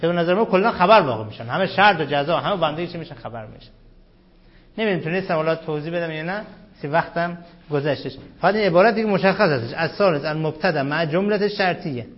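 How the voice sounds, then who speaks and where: A male teacher lectures a class, walking through each point and stopping to quiz his students. His voice sits a little high for a man. The recording is slightly dull and lo-fi. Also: expressive. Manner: explains step by step, quizzing students with questions.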